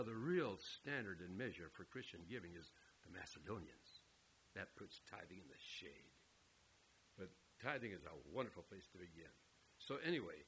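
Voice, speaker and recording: Lively, emphatic male preacher with faint hiss. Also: mid-range voice, poor audio. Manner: lively, emphatic, repeats words, asks the audience directly. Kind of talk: sermon, verse-by-verse Bible teaching.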